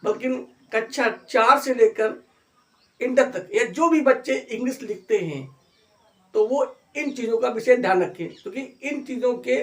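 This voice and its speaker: A middle-aged man with a very high, fairly bright voice teaches an English grammar lesson, cheering his students on and slowly drawing out example phrases.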